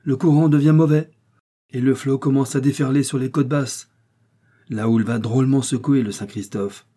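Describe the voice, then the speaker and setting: A man's voice: medium pitch, fairly even intonation, normal speed, warm tone, slightly rough, voice pushed up, natural voice. A man voicing a blunt, grave semaphore keeper, a seasoned sailor watching a storm in a storybook reading.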